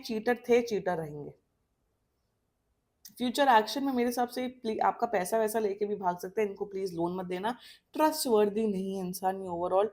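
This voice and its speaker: A woman from India giving a tarot reading, blunt and scolding with emphatic warnings, switching between Hindi and English mid-sentence. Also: medium pitch. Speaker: tarot reader. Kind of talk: tarot reading monologue to camera.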